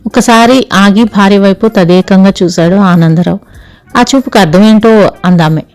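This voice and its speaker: A woman storyteller narrating an audio story in a calm, even reading voice. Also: medium pitch, normal speed, faint music behind.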